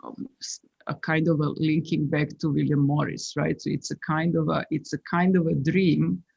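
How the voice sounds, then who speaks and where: A woman's voice: deep voice, flat delivery, normal speed, gravelly, darkish tone, slightly rough. A woman, an architect speaking hesitantly on a video call, with many fillers and restarts. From Serbia. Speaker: architect guest. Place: small room indoors. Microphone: laptop on video call. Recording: muffled video call audio.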